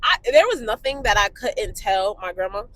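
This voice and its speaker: A woman's voice: medium pitch, moderate pace, dry recording. A young woman from Brooklyn, co-hosting a casual chat and telling family stories with lots of laughter and acted-out quotes. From Brooklyn, New York. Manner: animated, laughing storyteller acting out quotes. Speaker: podcast co-host.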